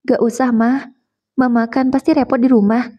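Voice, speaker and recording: A woman's voice: on the high side, steady tone, moderate pace, dry recording, highs cut off, lightly acted. A woman voicing a heartbroken young wife whose voice trembles near tears. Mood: hurt.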